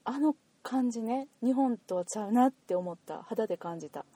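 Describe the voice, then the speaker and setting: Kansai lady podcast cohost, high voice, swings up and down a lot, laughs easy. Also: moderate pace, breathy edge, no echo. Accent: Kansai Japanese. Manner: lively, laughs often, acts out remembered lines. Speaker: podcast co-host. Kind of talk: casual chat.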